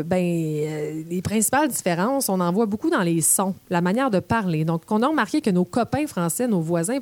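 A woman's voice: medium pitch, darkish tone, no room sound. A playful Québécoise woman explaining how her speech sounds, with a Québécois accent. She illustrates each point with examples, recorded dry and close. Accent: Québécois French. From Quebec. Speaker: presenter. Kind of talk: explanatory talk on language.

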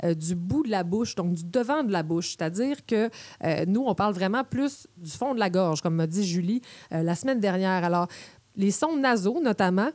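A woman with a Québécois accent talks on the radio in a playful, chatty way, explaining with examples. Her voice is warm and mellow. The recording is dry and close. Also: medium pitch, expressive, normal speed, no room sound. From Quebec. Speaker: radio columnist.

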